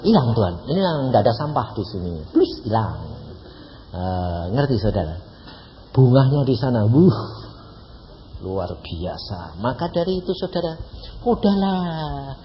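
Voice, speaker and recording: A man in his eighties with a Javanese accent, preaching as an evangelist in a folksy, animated storytelling manner full of mock dialogue. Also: medium pitch, a little slow. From Central Java, Indonesia. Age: 80s. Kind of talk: sermon. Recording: echoey hall, dull lo-fi, faint hiss.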